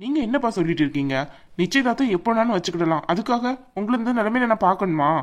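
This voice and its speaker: A woman's voice: medium pitch, expressive, lightly acted. A woman voicing a caring young adult son who firmly reassures his sick father. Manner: quick, firm and reassuring.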